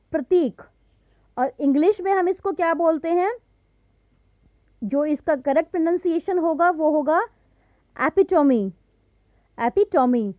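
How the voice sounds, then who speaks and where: A woman with an Indian accent teaching English pronunciation in a relaxed, deliberate way, drawing out each example word. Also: very high-pitched, no echo. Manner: slow, deliberate, stretches out example words. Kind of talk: Hindi-English mixed lesson.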